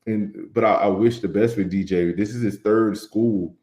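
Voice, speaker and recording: A man co-hosting a casual sports talk show, animated and opinionated, often saying "man". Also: fairly low pitch, normal speed. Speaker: podcast co-host. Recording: echoey room.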